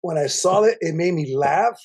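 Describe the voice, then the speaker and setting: A man co-hosting a casual movie review chat, rambling and animated, with many restarts. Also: fairly high pitch, moderate pace, breathy edge. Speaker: podcast co-host.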